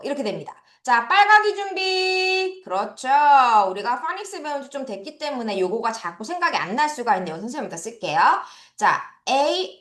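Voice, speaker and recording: A woman's voice: high voice, fairly bright tone, reverberant. A Korean woman teaching English vocabulary to children, repeating words and correcting their pronunciation.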